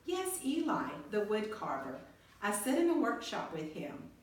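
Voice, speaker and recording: A woman's voice: mid-range voice, wildly swooping pitch, unhurried, voice pushed up. A woman voicing a carefree, kindly female wooden puppet in a storybook, with a light, reassuring manner. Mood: breezy. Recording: echoey room, far from mic, faint noise.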